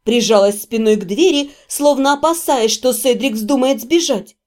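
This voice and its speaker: Woman, high voice, first-person fantasy narration, expressive audiobook reading. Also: moderate pace.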